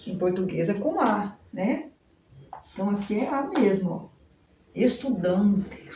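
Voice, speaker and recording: A woman from Brazil teaching an informal English lesson. She explains slowly, repeats herself and often adds little checks like "right?" and "look". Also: medium pitch, big pitch swings, a little mellow. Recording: echoey room with faint noise.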